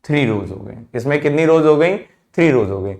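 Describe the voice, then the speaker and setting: Expressive and creaky, with a mid-range, slightly mellow voice at a moderate pace, this man lectures a math class. Addressing the students as "children," he poses questions, answers them himself in a lowered voice, and repeats the key terms.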